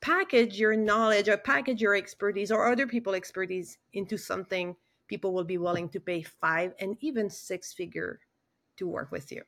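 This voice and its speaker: A woman being interviewed as a podcast guest, explaining her business in a measured way over a remote call. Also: medium pitch, a bit bright. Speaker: guest, business offer specialist. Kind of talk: interview answers. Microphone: remote call recording.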